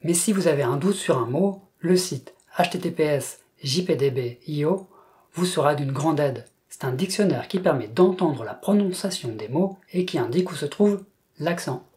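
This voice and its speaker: A speaker from France narrating a scripted language lesson in a measured, explanatory way. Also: medium pitch, expressive, darkish tone. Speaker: language teacher.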